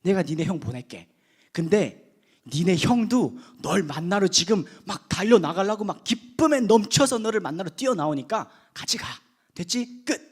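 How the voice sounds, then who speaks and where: A man preaching in Korean voices God as a blunt, fatherly figure who scolds in a gruff, casual way. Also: high-pitched, expressive, normal speed. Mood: brusque. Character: blunt fatherly God, male, impatiently reassuring.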